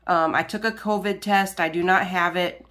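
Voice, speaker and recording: A low-pitched woman with a stuffy, nasal voice from a cold talks loosely to her viewers as she crafts. She wanders from thought to thought, filling pauses with ums and restarting sentences. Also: fairly even intonation, a bit bright. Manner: rambling, many ums and restarts. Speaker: crafting channel host. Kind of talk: casual chat while diamond painting.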